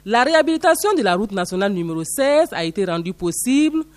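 Male news reporter, Burkinabè French accent, animated read voice-over, dry close mic. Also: high voice, fast talker, dry recording. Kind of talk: scripted news narration.

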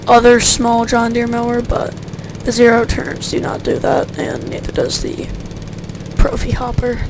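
A gaming YouTuber offers chatty, rambling commentary over gameplay, frequently correcting herself. Her fairly high voice has vocal fry and sounds a little sore, and the background is noisy.

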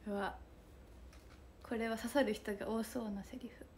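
A young woman chatting casually on a live stream, reading comments aloud in a playful way and often dropping into a soft whisper. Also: a little high, fairly even intonation, moderate pace, slight background noise. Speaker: idol streamer.

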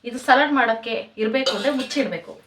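A chatty woman with a rural Karnataka Kannada accent talks to her viewers as friends while she cooks at home. Her voice sits a little high and moves quickly, picked up from a distance in a roomy house with faint background noise. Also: a bit bright. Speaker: home vlogger. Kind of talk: chatty cooking vlog.

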